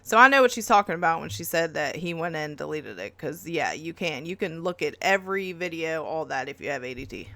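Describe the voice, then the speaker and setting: A woman hosting a reaction video, telling a story in casual chat, animated and swearing, jumping up high when she acts out quotes. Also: brisk, few pauses, no room sound.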